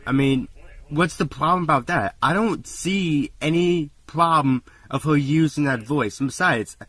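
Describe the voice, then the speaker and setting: A speaker with a medium-pitched voice, recorded dry and close. They talk in a hurried, rambling way and sound defensive as they repeat their points. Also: a bit bright, no room sound. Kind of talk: commentary rebuttal.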